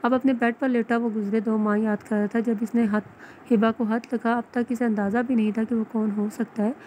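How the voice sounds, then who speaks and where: A woman narrating a romance novel aloud in a steady storytelling manner. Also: fairly high pitch, brisk, a little hiss or hum, rough recording.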